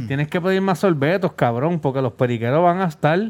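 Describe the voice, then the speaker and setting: A man's voice: a little high, animated, brisk, darkish tone. A man co-hosting a podcast, blunt and joking in casual chat. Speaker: podcast co-host.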